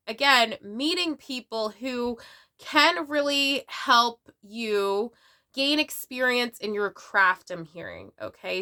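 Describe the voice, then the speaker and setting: A woman with a bright, forceful, fairly high voice gives a casual tarot reading, sounding a little sick and sniffly. She's bubbly and chatty, often ending her lines with "okay?" or "all right?".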